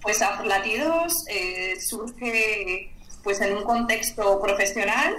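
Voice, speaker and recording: Woman explaining things slow and steady, bright voice, roomy echo. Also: medium pitch, slight background noise. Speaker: social integrator, co-founder. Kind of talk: explaining in a radio conversation.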